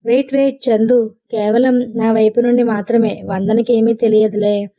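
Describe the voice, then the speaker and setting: A woman's voice: a little high, level tone, normal speed, muffled recording, natural voice. A woman voicing a cheeky, confident young male suitor in a playful, teasing way.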